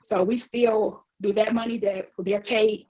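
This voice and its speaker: A woman's voice: medium pitch, fairly even intonation, unhurried, warm tone. A woman trustee speaking in a meeting over a video call. Her connection is breaking up, so her voice drops in and out. She talks hesitantly and hedges often. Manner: hesitant, hedging with um and I believe. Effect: connection breaking up, audio dropping in and out. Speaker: village trustee.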